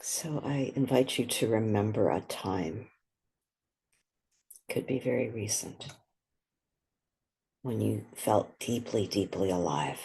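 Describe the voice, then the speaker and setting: This meditation guide has a soft, breathy, mid-range voice. The speech comes gently and without hurry, in brief phrases broken up by long pauses.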